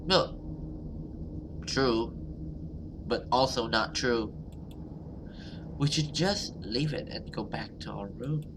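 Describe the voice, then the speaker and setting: This let's play features a gaming YouTuber reading through a visual novel aloud, his commentary casual and hesitant, with occasional swearing. He speaks slowly in a gravelly, medium-pitched voice, pausing often, while game music and other background noise sit behind him.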